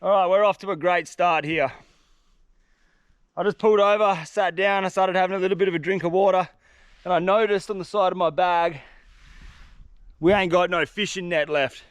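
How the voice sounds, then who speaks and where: A young fishing vlogger with a blocked-up nose chats casually to camera while hiking through dense, humid forest outdoors. His voice sits high with fairly even intonation, moderate pace and frequent pauses, clean in tone and free of echo. He's laid-back, chatty and slangy.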